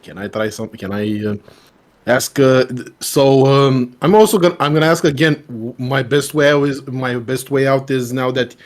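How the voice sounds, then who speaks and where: A man's voice: medium pitch, normal speed. A man playing a tabletop game, talking hesitantly with many restarts. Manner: hesitant, lots of restarts and throat clearing. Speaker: player.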